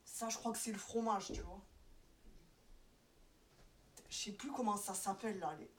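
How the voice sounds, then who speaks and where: A woman's voice: mid-range voice, steady tone, normal speed, recorded from a distance, a little hiss or hum. A woman doing an improvised comedy monologue and one-sided phone sketch, rambling, stammering and restarting as she goes. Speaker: comic performer. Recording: roomy and off-mic.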